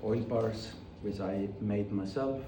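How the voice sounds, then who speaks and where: Speaking slowly in a fairly low voice, this man from Iceland, in his forties, shows off his painting materials in his studio. He chats in a rambling way and keeps correcting himself as he goes. The recording comes from a distant mic in a very echoey room, with clear background noise.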